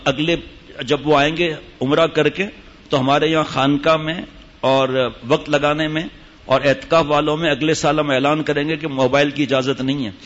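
At a mosque retreat, a religious teacher delivers a stern sermon to a gathering, scolding his listeners with rhetorical questions. His voice is fairly high-pitched, and the audio sounds dull.

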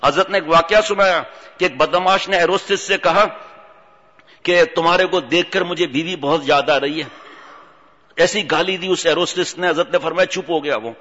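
A man preaches with a bright, forceful, fairly high voice, telling funny stories and acting out characters in a lively way. The sound is dull and rolls with a long hall reverb. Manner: animated storytelling, acts out voices. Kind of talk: humorous religious sermon.

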